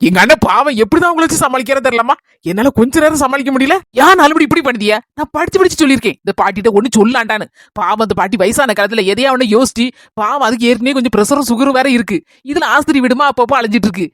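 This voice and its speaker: Woman, Kanyakumari Tamil accent, comic skit, scolding, nagging, high voice, dry close mic. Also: rapid-fire, dry recording. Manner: scolding, nagging, sharp-tongued. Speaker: comedy skit performer.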